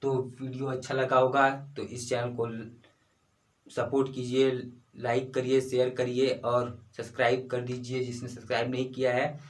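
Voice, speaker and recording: A young man teaching grammar, slowly repeating key phrases and answering his own questions. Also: mid-range voice, monotone. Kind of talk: explaining Hindi grammar to students.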